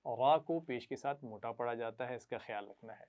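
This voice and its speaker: A man's voice: mid-range voice, a little mellow. A man teaching children Quran reading, patiently sounding out syllables for them to repeat and praising them often. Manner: patient, repeats syllables slowly for pupils to echo; frequent praise. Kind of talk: classroom lesson to children. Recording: tinny phone-like sound.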